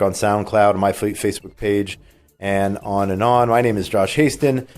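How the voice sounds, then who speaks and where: The talk radio host here is a man with a cold whose voice sits lowish and carries a darkish tone. He reads the news and chats casually, voicing opinions and stumbling through many fillers and restarts.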